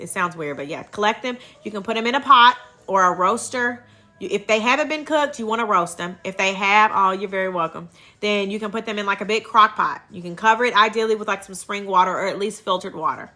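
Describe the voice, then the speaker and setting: A woman with a Kentucky accent and a very bright, forward voice. She hosts a casual livestream in a folksy, chatty way, with a middle-range pitch, dropping thanks to viewers into her talk. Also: brisk. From Kentucky, United States. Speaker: livestream host and herbal health seller.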